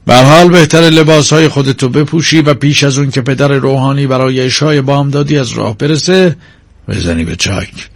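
A man's voice: medium pitch, vocal fry, no echo, lightly acted. A man voicing a burly church sexton, blunt and brusque but kindly underneath, in a storybook reading. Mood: gruff.

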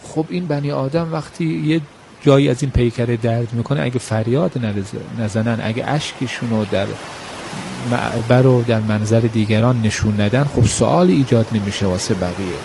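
A man's voice: mid-range voice, vocal fry, noisy background. A man giving a thoughtful explanation as a guest commentator. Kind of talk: explanatory talk.

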